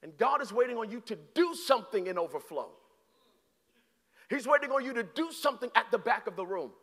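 A man in his thirties preaching a sermon on a large church stage with a handheld mic, swinging from hushed, slow lines to shouted peaks. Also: very high voice, big pitch swings. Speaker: guest preacher. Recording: long hall reverb.

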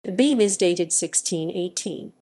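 A woman reading an encyclopedia article aloud in an even narration, reading symbols and captions out literally. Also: lowish voice, unhurried, husky. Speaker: article reader.

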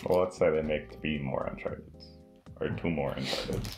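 Very deep, gravelly young man, dry and blunt. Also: fairly even intonation, moderate pace, faint music behind. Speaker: co-host. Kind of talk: casual chat. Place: small indoor room with a decorated table.

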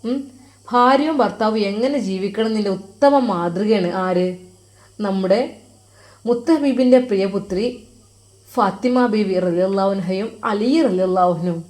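A woman's voice: mid-range voice, measured pace, a little mellow, natural voice. A woman voicing a tender old religious teacher. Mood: coaxing. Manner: coaxing, tender, questioning. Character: kindly old male religious teacher, affectionate. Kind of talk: storytelling.

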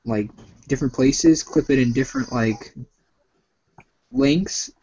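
A young man talks in a relaxed, halting way and keeps reaching for "like" between his words. His voice is mellow and dark, and it comes through a phone on a video call with muffled, dull sound. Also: mid-range voice, husky. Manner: halting, many "like" fillers. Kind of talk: casual chat.

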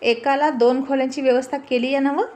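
A woman voicing a bossy, quick-witted village man who orders hotel staff around, scolding and teasing in a commanding tone. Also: high-pitched, fairly even intonation, a little mellow, close to an everyday voice. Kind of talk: storybook reading with character voices.

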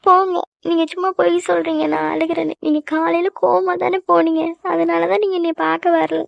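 A woman's voice: high voice, completely flat delivery, fast, vocal fry, no echo. A woman voicing a young cartoon girlfriend who sulks and cries, accusing her boyfriend. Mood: tearful. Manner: pouting, accusing, crying. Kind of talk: cartoon voice acting. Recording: dry, dull lo-fi recording.

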